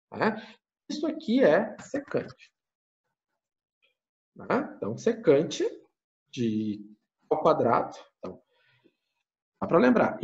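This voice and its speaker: A man's voice: sits high, a little mellow, highs cut off. Brazilian man thinking aloud through math. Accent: Brazilian Portuguese. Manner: thinks aloud, asks and answers his own questions; frequent tag questions. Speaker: university math teacher. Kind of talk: lecture walking through a calculation.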